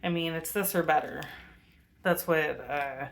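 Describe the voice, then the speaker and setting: Recorded through a webcam, a woman vlogs a rambling spiritual monologue, drifting along with frequent fillers and pauses. Her commanding voice sits low and sounds creaky.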